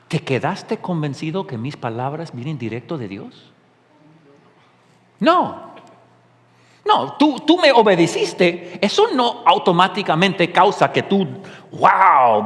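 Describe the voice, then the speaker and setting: Animated preaching man, lively pitch. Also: in a large hall. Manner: animated preaching with rhetorical questions. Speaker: pastor. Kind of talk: sermon.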